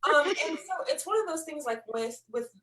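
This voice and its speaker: Animated woman in a roomy distant call. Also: sits high, normal speed, crowd noise. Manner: animated storyteller, acts out quoted voices. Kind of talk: casual panel chat. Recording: roomy, from off the mic.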